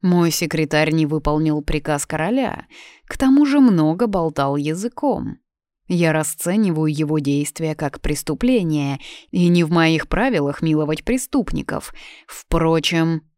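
A woman's voice: sits low, lively intonation, measured pace, darkish tone, dry recording, studio quality. A woman voicing a harsh, hot-tempered young king who speaks coldly and mockingly. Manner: cold, commanding, mocking.

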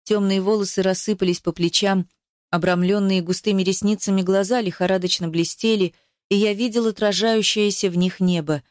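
A woman reads a first-person audiobook aloud, steady and expressive in her storytelling. Her voice sits at a middle pitch. It sounds close and dry, with no room around it. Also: a little fast, dry recording. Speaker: audiobook reader.

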